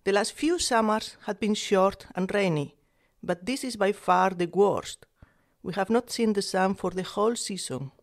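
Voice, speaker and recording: A woman's voice: mid-range voice, unhurried, lightly acted. A woman with a Spanish accent voicing a fed-up old male donkey who complains about the cold in a storybook reading. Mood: exasperated. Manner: exasperated outbursts.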